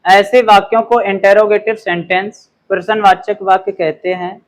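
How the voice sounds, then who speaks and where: A man delivers a grammar lesson in a high voice with flat delivery, captured in a rough recording. He explains slowly, enunciates example sentences very clearly, and pauses for an "okay" after each point.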